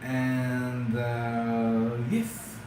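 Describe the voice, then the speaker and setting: A native French speaker with a French accent chats casually with viewers on a travel vlog livestream, hesitant, full of fillers, and calling them "guys." His mid-range voice is very slow and completely flat. Captured on a phone or camera mic, the stream sounds very echoey with clear background noise.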